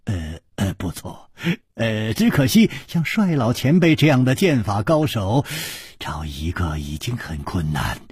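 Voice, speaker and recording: A man voicing a courteous, scheming young male nobleman in a storybook tale, speaking in a hushed, sighing way. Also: fairly low pitch, sing-song, a little slow, few pauses, breathy edge, no echo, studio quality, voice pushed down, full character voice. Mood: regretful.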